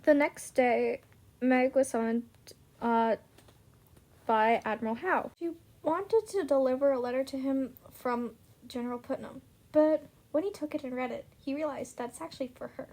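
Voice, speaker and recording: A woman's voice: high-pitched, normal speed, darkish tone. A young woman casually retelling a book's plot, chatty and full of "like" fillers. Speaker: book reviewer. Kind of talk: casual book recap.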